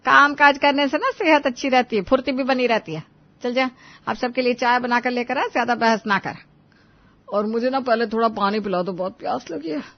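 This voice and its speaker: A woman's voice: on the high side, moderate pace, muffled recording, lightly acted. A woman doing a bossy, scolding mother-in-law. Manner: scolding, taunting, complaining. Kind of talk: animated story voice acting.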